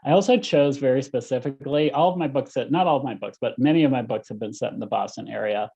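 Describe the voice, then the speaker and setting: A man author in a panel talk, speaking hesitantly with many pauses and restarts. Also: mid-range voice, gravelly, mellow, husky. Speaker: author guest. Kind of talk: panel discussion. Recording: muffled lo-fi audio.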